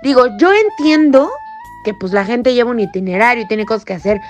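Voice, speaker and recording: A woman co-hosting a news podcast, reading headlines and chatting lively with her co-host. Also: on the high side, brisk, music in the background. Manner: lively, laughs between items. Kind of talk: news read with banter.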